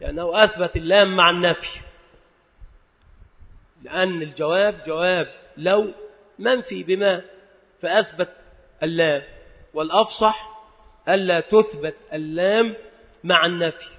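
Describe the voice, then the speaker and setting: A man teaching a lesson on creed and grammar, explaining step by step, asking and answering his own questions, and reciting quoted verses more slowly. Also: high voice, gravelly. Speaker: religious teacher. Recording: dull lo-fi recording with long reverb.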